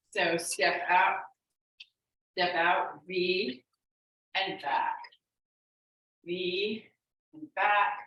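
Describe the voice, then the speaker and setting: Slow-paced woman fitness instructor, very echoey room. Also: fairly low pitch, fairly bright tone. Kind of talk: exercise class instruction, cueing and counting moves. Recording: very echoey room, distant microphone.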